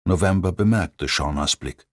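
A man narrating a thriller audiobook in a measured, even storytelling voice. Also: low-pitched, dry recording, studio quality. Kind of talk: scripted narration.

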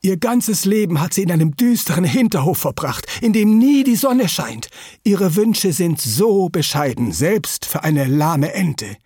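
A brash blind hen from a storybook, put on by a male narrator in a high, swooping voice. She talks loudly and indignantly and cannot be stopped. The sound is slightly husky and dry. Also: sing-song, measured pace, no room sound, heavily acted. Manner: loud, indignant, unstoppable. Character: blunt, pushy blind female hen.

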